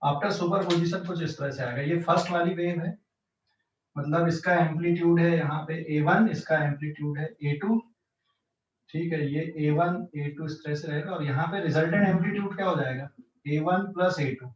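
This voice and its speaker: Male online physics tutor with a central Indian accent who keeps checking understanding; high voice, roomy and muffled sound. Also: moderate pace. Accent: Hindi-English mixed speech, central Indian. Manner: explains step by step, checks often if students follow. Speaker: physics teacher. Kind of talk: online class lecture. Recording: echoey distant lo-fi online class.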